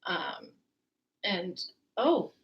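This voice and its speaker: A woman's voice: mid-range voice, very animated, extremely slow, lo-fi sound. A woman co-hosting a casual chat, talking easily and laughing often. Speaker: co-host.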